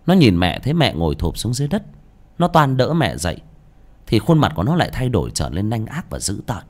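A man giving dramatic, expressive scripted narration of a horror story. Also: lowish voice, fairly quick. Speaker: audiobook narrator.

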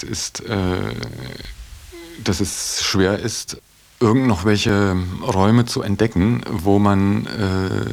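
Interviewed for a radio feature, a man with a low, gravelly voice reflects earnestly in articulate phrases. He often hesitates as he weighs his words.

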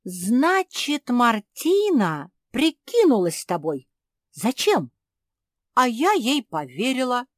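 A woman voicing an eager, excitable young female pug who asks questions quickly. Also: a little high, no echo, studio quality, pitched above the performer's own voice, heavily acted.

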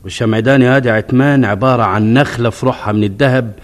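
A man's voice: mid-range voice, racing, natural voice. A man playing a grand, boastful folk hero with an Egyptian accent, speaking expansively and with command in colloquial drama dialogue. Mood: grand boasting.

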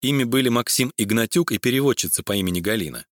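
A man narrating a crime story audiobook in a measured reading voice. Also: mid-range voice, lively intonation, fairly bright tone, no echo. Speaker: audiobook reader. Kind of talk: scripted narration.

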